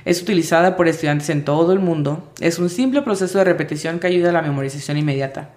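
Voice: mid-range voice, fast, darkish tone. A language teacher giving a spoken lesson, patiently spelling out sounds letter by letter. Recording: roomy echo.

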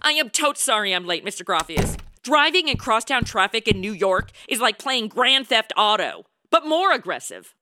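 A woman's voice: fairly high pitch, very animated, moderate pace, few pauses, bright, forceful tone. An actress playing a flippant modern young American woman stranded in the past, in a comedy audio drama. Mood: chatty.

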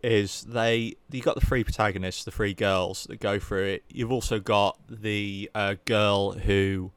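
Low, smooth-voiced man chatting films. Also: fairly even intonation, measured pace, no echo. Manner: candid, rambling, swears casually. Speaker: podcast co-host. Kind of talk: casual film review chat.

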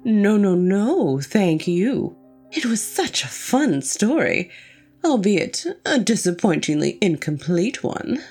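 Actress as a theatrical, over-formal eccentric doctor; unhurried, sing-song delivery. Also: female voice, medium pitch, very animated, a little mellow, breathy edge, exaggerated voice. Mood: gracious. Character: eccentric scatterbrained woman doctor, nosy and theatrical. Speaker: voice actor in an audio drama. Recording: faint music underneath.

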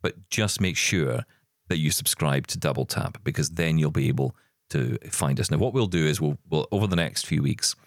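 This podcast co-host has a deep voice that rises and falls loosely as he chats in a laid-back, cheerful, wandering manner. It's a dry, close-miked recording with no surrounding room.

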